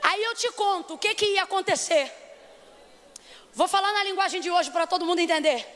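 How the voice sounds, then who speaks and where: A woman preacher from Brazil with a Rio accent, delivering a dramatic sermon and acting out scenes, rising at times to shouts. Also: extremely high pitch, a little fast. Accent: Rio de Janeiro Portuguese. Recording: long hall reverb, faint noise.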